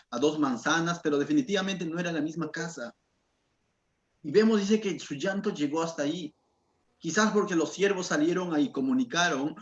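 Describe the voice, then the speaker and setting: Peruvian pastor teaching in an echoey hall. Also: male voice, on the high side, slight background noise. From Peru. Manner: conversational, often adds "¿no?" and acts out quoted voices. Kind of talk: verse-by-verse Bible teaching. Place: church. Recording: echoey, dull church recording.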